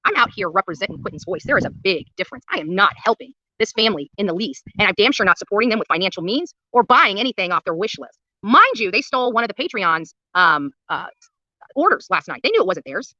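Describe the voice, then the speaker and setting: In this clip the woman speaks fast in a mid-range voice with big swings in pitch, her tone bright and forceful; there's no echo, and the highs are cut off. As a livestreamer at a street protest, she delivers angry commentary and casual chat, bluntly indignant, cursing and repeating lines for emphasis.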